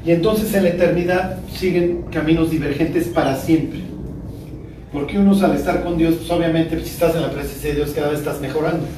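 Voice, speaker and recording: A man with a Mexican accent teaching an informal Bible class, chatty and colloquial, often checking that everyone follows with quick rhetorical questions. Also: fairly high pitch, steady tone. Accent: Mexican Spanish. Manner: colloquial and joking. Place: room with a small group. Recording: roomy, distant mic with faint noise.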